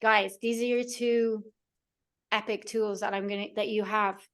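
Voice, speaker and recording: A woman's voice: medium pitch, flat delivery, unhurried. A woman coach leading a live online workshop in a soothing, encouraging way, checking in often with her listeners. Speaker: mind-body coach.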